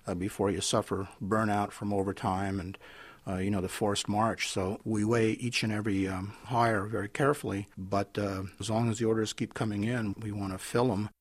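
A man, a company executive, explaining hiring plans in a measured way in an interview clip. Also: fairly low pitch, little pitch movement, dry recording.

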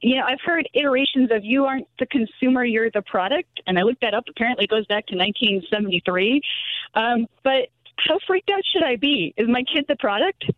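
A woman radio show caller comes through a thin, tinny phone line, her voice sitting a little high. She is friendly and chatty and laughs easily as she asks her question. She sounds like a parent in her thirties or forties. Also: fairly quick, no room sound. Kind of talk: casual call-in question.

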